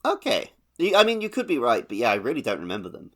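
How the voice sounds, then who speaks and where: A podcast co-host chats about video games in an easygoing, conversational way, his mid-range voice moving fast and swinging widely in pitch.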